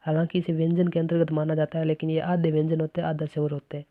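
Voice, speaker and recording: Lesson teacher, methodical explainer, flat delivery, thin phone-quality sound. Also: mid-range voice, fast, dry recording. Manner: explains step by step with repeated "है ना" checks. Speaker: English teacher. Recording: dry, tinny phone-like recording.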